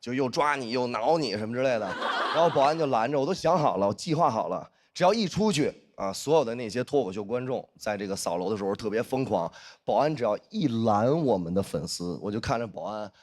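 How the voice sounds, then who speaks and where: A man performing a stand-up comedy set, telling a story in an animated way and acting out the dialogue. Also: medium pitch, quick pace. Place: stage in front of a live audience.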